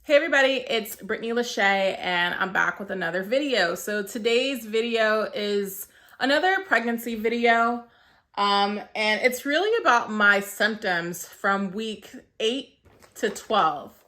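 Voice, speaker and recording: A woman's voice: medium pitch, unhurried, bright, forceful tone. A woman in her thirties chatting casually to camera as a vlogger, a little short of breath, with frequent "um" and "like" fillers. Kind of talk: casual vlog talk to camera.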